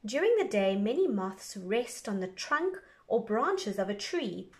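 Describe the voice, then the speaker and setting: With a sing-song lilt at medium pitch, a woman teacher reads an educational book to young children, taking a measured, instructional approach and pronouncing each word carefully.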